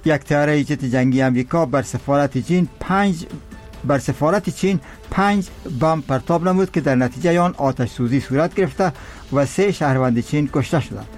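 A man with an Afghan accent reading a formal radio news bulletin in a measured delivery. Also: fairly high pitch, darkish tone, faint music behind. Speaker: radio newsreader.

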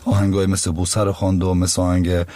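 A man's voice: sits low, monotone, dark tone, no echo. A male singer with an Afghan Dari accent, talking reflectively in a casual interview.

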